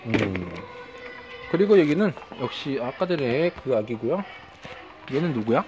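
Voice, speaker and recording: Woman toy reviewer: low voice that swings widely, chatty and full of wonder, music underneath. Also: big pitch swings, unhurried, darkish tone. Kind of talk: excited toy review vlog. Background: background music.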